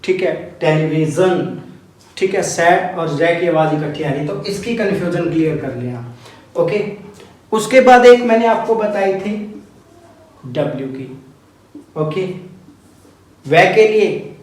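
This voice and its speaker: A man's voice: a little high, expressive, slow, pauses often. A male teacher giving a phonetics lesson for exam preparation, patiently repeating each rule several times. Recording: very echoey room, voice far from mic.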